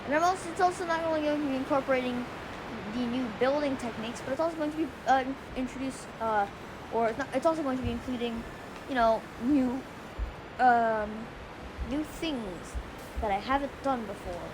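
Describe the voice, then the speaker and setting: A woman with a squeaky voice giving casual, rambling gameplay commentary, often going off on tangents and restarting her sentences. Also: fairly quick, background noise. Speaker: gaming video creator. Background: faint music and controller clicks.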